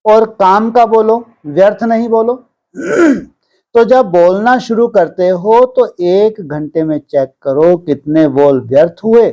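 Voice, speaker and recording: A man delivering a spiritual discourse to a gathering, unhurried, asking rhetorical questions and prompting with little hums, pausing to clear his throat. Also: sits high, mellow. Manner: pauses often to clear the throat. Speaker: spiritual teacher.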